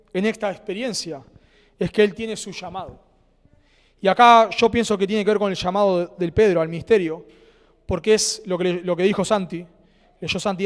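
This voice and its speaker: A male pastor with an Argentine Spanish accent, preaching a sermon earnestly, with dramatic pauses and phrases that trail off softly. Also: high-pitched. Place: church sanctuary. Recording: church hall with long reverb.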